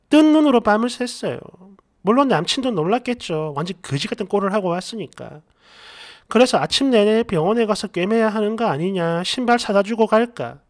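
A man narrating a first-person story in a dramatic, expressive way. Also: high voice.

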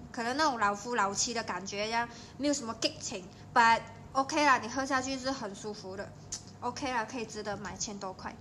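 A young woman with a Malaysian Mandarin accent hosts a casual livestream. Her voice sits high and sounds bright and forceful as she chats and teases her viewers. A faint hiss runs underneath. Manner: chatty and playful, teasing viewers. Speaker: livestream host. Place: at home.

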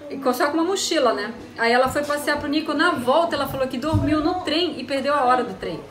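A woman's voice: high voice, quick pace, roomy sound. A woman with a Brazilian accent animatedly telling a personal story in casual chat, acting out the dialogue. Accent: Brazilian Portuguese. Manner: animated, acts out dialogue, laughs often. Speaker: storyteller guest. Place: home in Japan.

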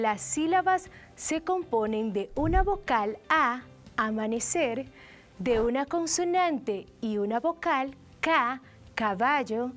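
A woman with a Dominican Spanish accent teaching a televised grammar lesson, enunciating each word slowly and carefully. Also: a little high.

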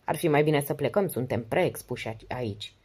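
A woman voicing a placid male police detective in an audiobook, speaking quietly. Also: rumbling low, husky.

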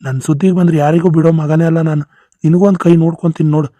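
A performer voicing a hot-headed young man who makes rapid threats, in a North Karnataka Kannada accent for a cartoon. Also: medium pitch, steady tone, dark tone, no echo, lightly acted. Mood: threatening.

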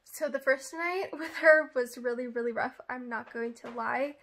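A woman's voice: normal speed, fairly bright tone. A woman talking casually in a vlog, chatty and rambling, with frequent fillers and asides. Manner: breaks into a high sing-song when talking to her puppy. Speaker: vlogger. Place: outdoors at first, then indoors.

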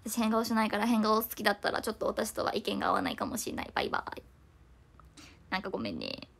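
Fast-talking young woman livestreaming. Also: medium pitch, very animated, creaky, fairly bright tone. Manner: fast, chatty, frequent apologies. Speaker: idol livestreamer reading comments. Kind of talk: casual livestream chat.

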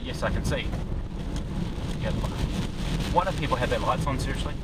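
A man's voice: medium pitch, moderate pace. Storm-chasing man in very noisy vehicle. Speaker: storm chaser. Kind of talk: casual in-car chat while storm chasing.

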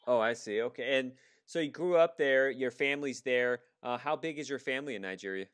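Hosting an interview podcast as an immigration attorney, this man has a mid-range, fairly bright voice and talks briskly. The conversation is casual, peppered with fillers and restarts.

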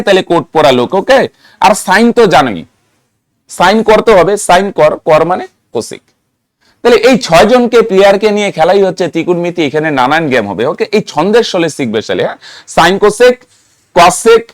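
A man teaching math, asking pupils questions and then answering them himself. He repeats key terms in a sing-song rhythm so they stick. His voice sits a little high, and the recording is dry with no room echo. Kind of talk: classroom-style lesson to students.

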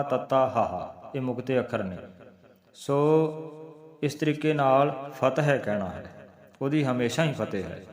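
A man teaching the correct recitation of scripture, spelling out each letter slowly and chanting the verses. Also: mid-range voice, echoey room. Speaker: Gurbani teacher. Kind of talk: slow recitation lesson with explanation.

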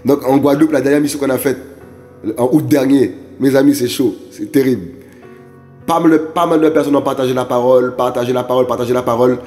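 A man's voice: medium pitch, fairly even intonation, fast, dark tone, soft background music. A man preaching an evangelistic sermon, emphatic and repetitive, often addressing listeners directly. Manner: emphatic, repetitive exhortations with frequent asides to listeners.

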